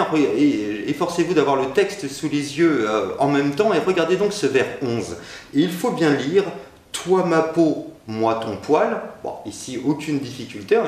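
A man teaching a literature lesson, explaining at length and filling pauses with frequent hesitations. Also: medium pitch, a little mellow. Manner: frequent "hein" and "euh" fillers; explanatory, didactic. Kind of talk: recorded lecture. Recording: echoey room.

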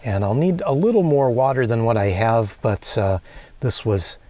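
Calm man talking through a recipe. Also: mid-range voice, a little hiss or hum. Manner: calm, unhurried, many filler "uh"s. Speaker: vlogger cooking in his van. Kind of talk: casual cooking demonstration. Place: small camper van kitchen, indoors.

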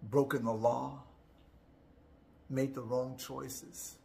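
A man in his sixties speaking as a chaplain in a personal, reflective devotional talk, halting and heartfelt, with repeated words and long pauses. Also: medium pitch, level tone, gravelly, warm tone. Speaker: chaplain, host. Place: indoor room, home studio.

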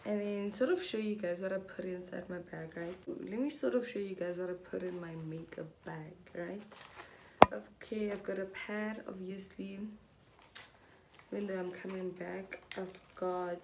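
With a creaky mid-range voice and noise in the background, a young South African vlogger chats about what goes in her bag. She sits in a small indoor space, speaking slowly and easily, mixing in bits of Setswana.

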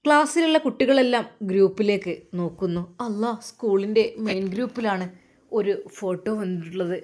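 A woman's voice: medium pitch, brisk, a little mellow. Earnest woman telling a family story. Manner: earnest storytelling with religious greetings. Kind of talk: narrated religious family story.

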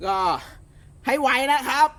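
A man showing jet skis for sale in a chatty, polite way, often pausing with fillers and correcting himself. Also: fairly bright tone. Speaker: jet ski shop salesman. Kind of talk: casual sales walkthrough.

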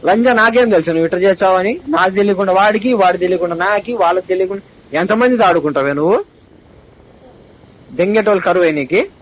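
Angry young man ranting on phone. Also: high-pitched. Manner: angry, accusing, abusive, rapid-fire. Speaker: college student on a phone call. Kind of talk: heated phone argument. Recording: phone call recording, dull with faint hiss.

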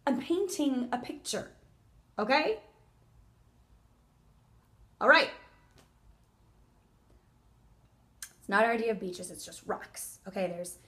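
A woman in her twenties playing a defensive young woman recalling a lost love in a halting, emotional theatrical monologue. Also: high voice, full character voice. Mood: defensive, exasperated. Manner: halting, emotional, swinging between loud insistence and hushed wistfulness. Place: indoor room, plain wall.

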